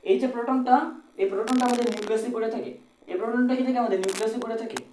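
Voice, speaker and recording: A man's voice: very high-pitched, fairly even intonation, rapid-fire, darkish tone, roomy sound, slight background noise, rough recording. A man with a colloquial Bangladeshi Bengali accent teaching an exam-prep physics lesson, repeating phrases and asking and answering his own questions. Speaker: physics tutor.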